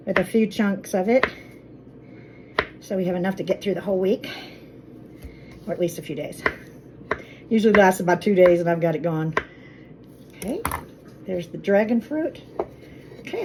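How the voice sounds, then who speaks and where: A woman's voice: on the high side, noisy background. A woman chatting casually as she makes fruit water in her home kitchen. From Colorado. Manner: chatty, friendly, talks while cooking. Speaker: vlogger.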